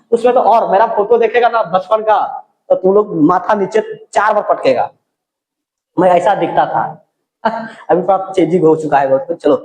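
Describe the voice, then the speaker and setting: High-pitched guy teaching math, chatty and encouraging, echoey classroom. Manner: chatty, encouraging, mixes Hindi with English math terms. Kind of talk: classroom lecture.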